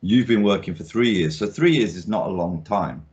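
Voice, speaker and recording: A man with a low voice and darkish tone speaks at normal speed, hosting a casual video-call interview as an art critic. He rambles, with lots of ums and restarts. The sound is dull and lo-fi.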